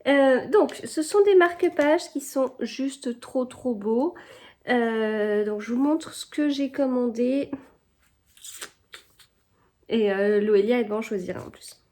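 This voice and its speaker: A woman talks casually to her camera at home, in a vlog. Her voice sits a little high. She hesitates often, with many fillers and restarts. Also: slow pace, a little mellow. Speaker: vlogger. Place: home indoors.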